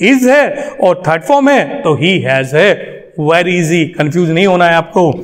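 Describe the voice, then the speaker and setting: An Indian man teaching a spoken English lesson to Hindi speakers. He explains each point step by step, repeats the example sentences and keeps asking "right?". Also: sits high.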